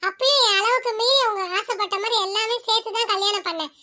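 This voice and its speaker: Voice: very high-pitched, fast talker, pushed and bright, heavily acted. ஒரு குரல் நடிகர் பணக் கஷ்டத்தில் சோர்ந்த இளம் கணவனாக, கெஞ்சும் தொனியில் பேசுகிறார். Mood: upset pleading. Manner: pleading, complaining. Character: distressed young husband, worn down by money troubles.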